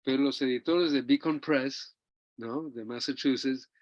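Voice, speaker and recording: A man's voice: medium pitch, measured pace, no echo. Older man reminiscing in a dull, dry recording. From Chile. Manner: rambling, warm storytelling with tag questions. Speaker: interview guest. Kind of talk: reminiscing conversation.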